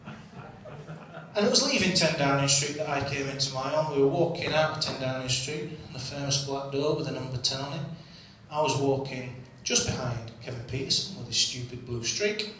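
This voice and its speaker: A man's voice: medium pitch, sharp tone, slight background noise. A man telling cheeky comic stories from his cricket days at an after-dinner event, heard from a distant mic. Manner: cheeky, comic storytelling with punchlines. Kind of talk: anecdotal after-dinner storytelling. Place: function room. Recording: distant mic in an echoey room with faint ambience.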